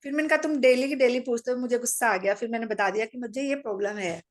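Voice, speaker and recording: A middle-aged woman calmly tells a personal story to a meditation audience, speaking matter-of-factly and acting out her own lines in conversations. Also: on the high side, quick pace. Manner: calm, matter-of-fact storytelling with quoted dialogue.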